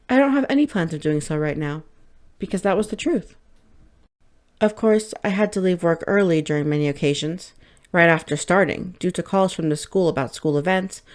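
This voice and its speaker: A woman reading a first-person light novel audiobook in a steady, measured way. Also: on the low side. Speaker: audiobook narrator.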